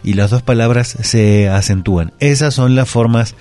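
A man's voice: mid-range voice, moderate pace, dark tone. A man, explaining word usage carefully and methodically as a language expert on a talk segment.

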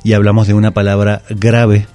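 Hombre mexicano de voz grave y cálida. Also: male voice, fairly low pitch, completely flat delivery, a little fast, mellow, soft background music. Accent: Mexican Spanish. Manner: patient, didactic. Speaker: language expert guest. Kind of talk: explaining spelling rules on radio. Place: radio booth. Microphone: studio microphone.

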